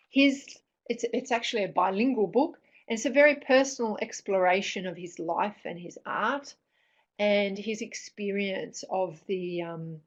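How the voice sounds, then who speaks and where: A middle-aged woman giving an informal explanatory presentation in a hesitant, thoughtful way, with frequent pauses and restarts. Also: mid-range voice. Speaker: presenter on parents reading with children. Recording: dull, lo-fi sound.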